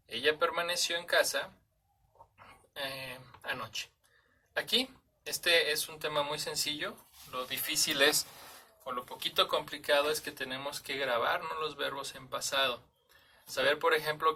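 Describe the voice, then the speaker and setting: Bright-voiced Mexican man teaching English grammar. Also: mid-range voice, distant mic. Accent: Mexican Spanish. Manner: conversational, checks in with "¿sale?" and "¿ok?". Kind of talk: explaining grammar in a lesson.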